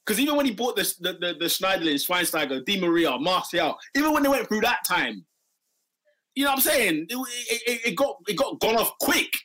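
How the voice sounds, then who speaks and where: Animated, husky London man talking football. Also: high-pitched, fairly quick. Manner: repeats phrases for emphasis, slangy. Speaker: football podcast panellist. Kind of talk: casual football banter.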